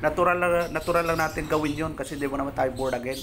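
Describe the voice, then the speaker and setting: A man's voice: on the high side, steady tone, rapid-fire, background noise. A man from the Philippines, a pastor, giving a conversational sermon, reading English scripture verses and explaining them in Tagalog to his listeners.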